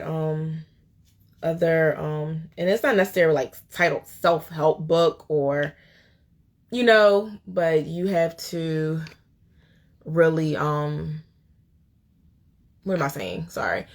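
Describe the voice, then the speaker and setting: Low, gravelly young woman chatting. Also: a little mellow. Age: young adult. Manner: chatty and rambling, with many fillers and laughs. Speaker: host of a live show. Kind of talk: casual live-stream chat, reading viewer comments.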